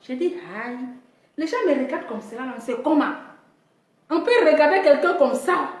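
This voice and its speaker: High-voiced woman telling a comic story. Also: normal speed, echoey room. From Africa. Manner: animated, mimics other people in high squeals.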